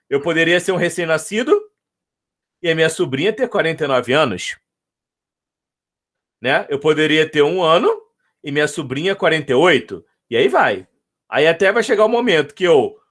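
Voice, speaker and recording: A man's voice: on the high side, a bit bright. A man with a Brazilian accent, teaching a math lesson, patiently repeating his points and checking in with the students. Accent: Brazilian Portuguese.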